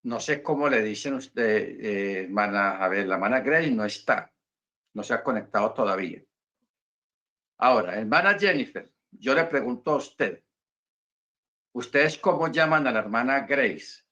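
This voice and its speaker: Man, bible teacher, video call class, bright forceful voice, repeats points patiently, muffled lo-fi audio. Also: mid-range voice, lively intonation, measured pace.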